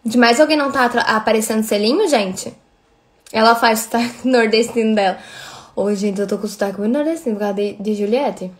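A woman's voice: a little high, brisk. A woman in her thirties with a Brazilian accent, chatting casually on a livestream and thanking viewers by name. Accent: Brazilian Portuguese. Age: 30s. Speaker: livestream host.

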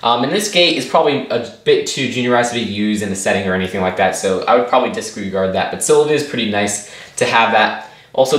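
A man's voice: medium pitch, fairly bright tone. A man giving a casual, upbeat toy set review, rambling with lots of fillers and small restarts. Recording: roomy echo.

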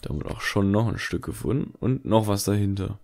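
Guy doing chill game commentary, lowish croaky voice, mutters questions to himself. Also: brisk, darkish tone. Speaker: gaming video host. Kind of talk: casual let's play commentary.

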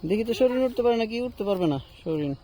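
A man, gently coaxing and soothing a small child in simple, repeated phrases while outdoors in rural fields. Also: sits high, animated, fast talker. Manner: coaxing, gentle, repetitive baby talk to a toddler. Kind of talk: casual family vlog.

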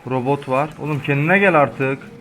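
A man's voice: mid-range voice, normal speed, fairly bright tone, soft background music. A man in his twenties from Turkey giving let's play commentary, jumpy and swearing a lot, with frightened outbursts. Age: 20s. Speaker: gaming channel host.

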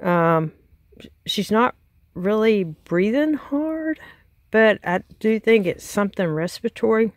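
A middle-aged Southern-accented woman from Texas vlogs on her handheld phone camera by a chicken pen on her rural farm, folksy and full of fillers. She's animated but slow-paced, with a mid-range voice and no room sound.

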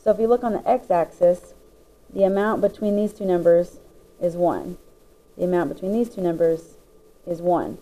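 A woman's voice: on the low side, moderate pace, dark tone, rough recording. A woman teacher patiently explaining the parts of a graph, step by step, as she writes notes. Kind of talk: classroom lesson explaining graphs.

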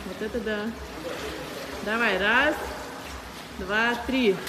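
A woman filming her family at a large indoor swimming pool and narrating in a chatty, excitable way on a handheld phone. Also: mid-range voice, slow pace. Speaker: mother filming a family vlog. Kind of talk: casual vlog narration. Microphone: handheld phone camera. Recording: echoey pool hall with loud noise.

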